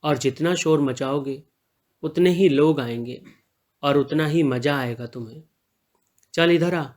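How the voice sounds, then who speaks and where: Man voicing a steady truck driver, calm, reassuring, voice a bit high. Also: a little slow, natural voice. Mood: teasing. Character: male truck driver, protective and teasing lover.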